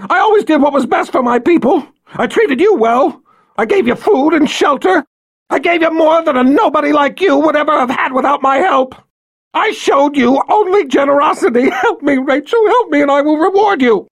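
A man voicing a vain, cruel woman queen who screams hysterically and pleads in a high voice. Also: very animated, moderate pace, few pauses, husky, exaggerated voice. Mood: pleading. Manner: hysterical, screaming, self-pitying.

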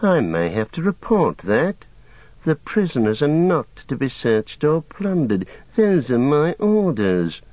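A man voicing a sly, evil orc with a soft, sinister, sneering delivery in a storybook reading. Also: on the high side, sing-song, pitched above the performer's own voice. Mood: sneering menace. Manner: sneering, insinuating, measured. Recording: roomy, dull lo-fi sound.

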